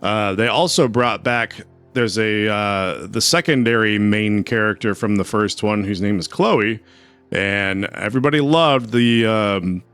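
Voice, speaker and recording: A man's voice: lowish voice, a little slow, a bit bright, clear, resonant tone, faint music behind. A man streaming a video game, chatting casually and rambling as he answers his chat. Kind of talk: casual gameplay commentary.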